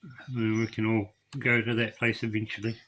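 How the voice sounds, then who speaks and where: A middle-aged man telling his own story to camera, emotional and tearful, halting and repeating words as he goes. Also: lowish voice, level tone, a bit bright. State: crying. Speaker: vlogger.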